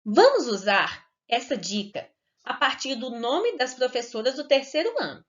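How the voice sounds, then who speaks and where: Woman teacher for kids' video lessons: bright sing-song delivery, deliberate syllable stretching, muffled low-fi sound. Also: very animated. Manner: slow, clear and sing-song, stretching words to stress syllables. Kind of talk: recorded lesson for children. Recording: dull lo-fi recording.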